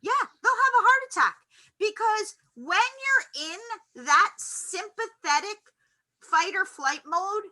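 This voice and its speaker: A woman teaching a college psychology class in a classroom, animated and acting out loud reactions as she explains. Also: extremely high pitch, slow pace, poor audio. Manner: animated, acts out quoted reactions loudly. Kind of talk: classroom lecture.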